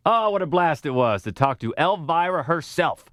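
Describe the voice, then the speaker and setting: A man's voice: on the high side, lively intonation, normal speed, fairly bright tone, dry recording, studio quality. A man co-hosting a podcast in a casual, conversational interviewing style.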